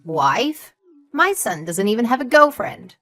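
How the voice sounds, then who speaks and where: Over soft background music, a woman uses an exaggerated, fairly high voice with big pitch swings, speaking a little slowly. She plays a scornful, suspicious elderly mother-in-law in a scripted audio story, sharp and condescending, calling people "sweetheart" and "darling."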